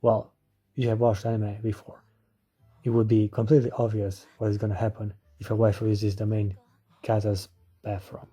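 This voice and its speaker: A man's voice: on the low side, level tone, normal speed, dark tone, breathy edge. A man narrating a scripted review as an anime reviewer.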